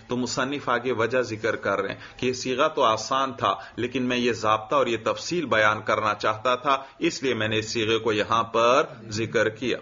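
Man teaching a classroom text, slow and bright. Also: mid-range voice, a little hiss or hum. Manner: reads a line of the text, then explains it and quizzes students. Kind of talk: classroom lecture explaining a text. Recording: dull lo-fi recording.

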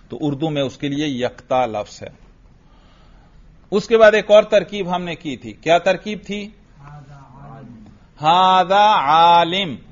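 A man teaching Arabic grammar in a slow, patient way, quizzing students with repeated questions and drills. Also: fairly high pitch, muffled recording. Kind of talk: classroom grammar lesson with drills.

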